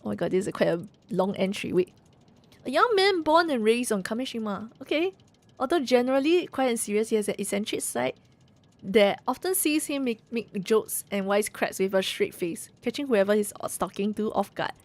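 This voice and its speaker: A woman's voice: on the high side, lively intonation, normal speed. A woman streaming a game, reading its text aloud with giggly, playful asides to chat.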